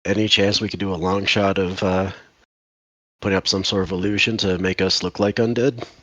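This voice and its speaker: A man's voice: deep voice, level tone, fairly quick, a bit bright, no room sound, dull audio. A man chatting casually as a player in a tabletop game. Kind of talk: casual chat.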